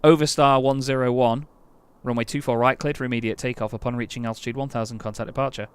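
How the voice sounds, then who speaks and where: Speaking fast in a smooth, mid-range voice with fairly even intonation, a man gives casual commentary on an air traffic control game. Between radio calls reading out call signs, he chats and grows exasperated whenever a command fails.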